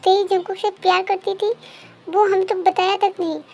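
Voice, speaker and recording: A woman's voice: extremely high pitch, little pitch movement, moderate pace, darkish tone. A woman voicing a concerned middle-aged father in a fan-dubbed story, asking questions with concern. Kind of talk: fan dub story voice acting. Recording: faint background music.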